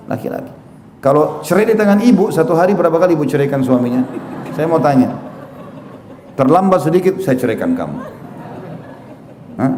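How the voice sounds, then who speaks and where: A man giving a religious lecture on a microphone, moving from recited scripture into joking, lively stories with quoted voices. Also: on the high side. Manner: humorous, animated storytelling with quoted voices. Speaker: preacher. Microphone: handheld or stand mic. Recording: echoey hall with faint noise.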